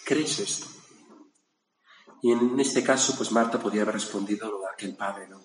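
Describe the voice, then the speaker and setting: A man's voice: on the low side, moderate pace. A man from gives a reflective gospel sermon. He talks conversationally and often checks in with his listeners. The sound is roomy, with a long hall reverb and faint background noise. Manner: conversational, with asides asking "¿no?". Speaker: preacher.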